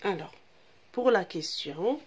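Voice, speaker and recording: A woman's voice: medium pitch, expressive, takes it slowly, a little mellow, slightly rough. A woman teaching a French grammar lesson to young children, speaking. She repeats key terms and explains them again in Arabic. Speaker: primary school French teacher.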